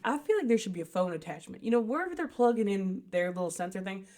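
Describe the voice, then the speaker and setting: A woman's voice: mid-range voice, lively intonation, fast talker, a little mellow. A woman co-hosting a podcast in casual chat, joking and often breaking into giggles. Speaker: podcast co-host.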